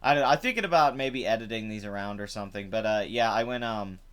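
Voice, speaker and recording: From his home, a live stream host chats through casual commentary in a lowish, fairly bright voice made rough by drinking. He talks quickly, rambling on with plenty of fillers.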